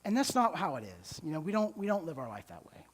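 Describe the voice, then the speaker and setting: A man's voice: a little high, sing-song, fast talker. Conversational man giving a church talk. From United States. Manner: conversational, repeats words while restarting, checks in with "okay?" and "right?". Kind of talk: sermon-style talk.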